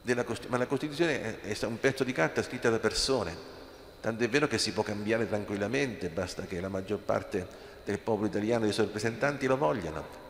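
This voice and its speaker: Impassioned priest preaching in an echoey church. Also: male voice, on the low side, brisk. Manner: impassioned, rhetorical questions. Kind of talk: sermon. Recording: echoey church with long reverb.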